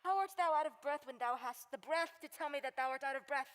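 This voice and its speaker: Stage play: pleading young girl in love, played by a woman; very high pitch, long hall reverb. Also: quick pace, close to an everyday voice. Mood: impatient. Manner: pleading, urgent, high-strung.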